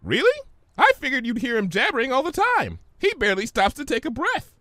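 A man voicing a hyperactive, bubbly pink pony girl in an audiobook reading, bouncy and excitable. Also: extremely high pitch, brisk, no room sound, clean studio sound, pitched above the performer's own voice, heavily acted. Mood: giddy. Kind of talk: fan fiction audiobook reading.

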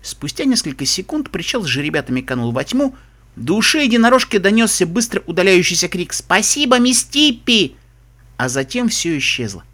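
Man, audiobook narration, expressive, lively, bright. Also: high voice, a little fast. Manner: expressive storytelling. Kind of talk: scripted narration.

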